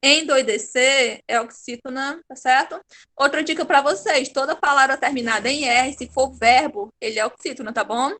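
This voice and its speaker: Bright high-voiced Brazilian woman teacher. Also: normal speed. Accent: Brazilian Portuguese. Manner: patient, encouraging, praises pupils by name. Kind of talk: online class lesson.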